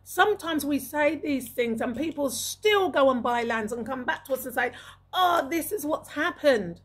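A middle-aged woman hosts a video from a small indoor room, talking close into a large studio microphone with a pop filter. Her voice is high-pitched, animated and fairly bright, at normal speed. She gives emphatic advice to camera, repeating phrases for weight.

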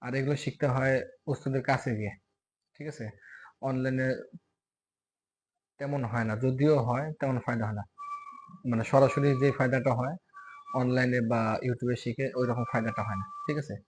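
Male recitation teacher with a Bangladeshi accent; patient drill lesson, stretched loud demo sounds. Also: mid-range voice, steady tone, slight background noise. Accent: Bangladeshi Bengali. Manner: repeats sounds slowly and loudly for demonstration; checks in often with "okay?". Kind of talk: recitation lesson on letter pronunciation.

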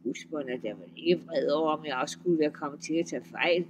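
A man's voice: fairly high pitch, a little hiss or hum, pitched below the performer's own voice, lightly acted. A man voicing a sly young farmhand who answers politely and innocently, read in a folk-tale audiobook. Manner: mild, polite, mock-innocent.

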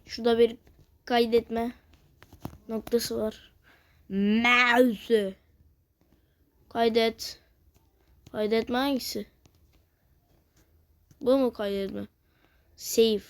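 A woman giving casual let's-play commentary, cursing, teasing and reacting loudly to the game. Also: on the high side, steady tone, extremely slow, long pauses. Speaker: gamer playing a video game.

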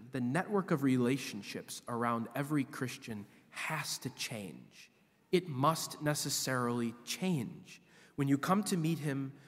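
A man in his forties, a visiting priest, preaching a sermon at a church lectern in an animated, emphatic way. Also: mid-range voice. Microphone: lectern microphone. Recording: long church reverb.

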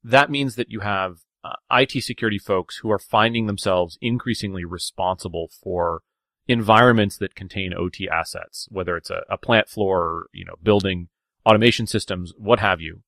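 Podcast host, man, lowish voice, dry close sound, easygoing questions. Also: moderate pace, vocal fry, a bit bright, no room sound. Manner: conversational, questioning, repeats words. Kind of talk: podcast interview.

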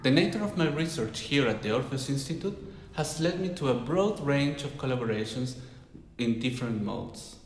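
A man in his thirties, originally from Chile, talks through his research in a measured, thoughtful way. He sits in a high-ceilinged room with tall windows. The sound is roomy, with a long reverb trailing each phrase, and his pitch sits in a middle range. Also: lively intonation, slight background noise. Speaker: music researcher. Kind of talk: scripted portrait monologue.

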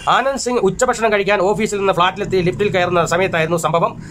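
A man reading newspaper stories aloud in a steady, formal manner, with small restarts now and then. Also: high voice. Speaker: newsreader. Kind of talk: read-aloud newspaper headlines.

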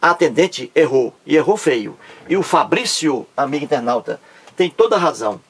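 A man's voice: a little high, very animated, moderate pace, husky. A man with a Ceará Brazilian accent teaching a grammar lesson, explaining step by step and repeating his points. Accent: Ceará Brazilian Portuguese.

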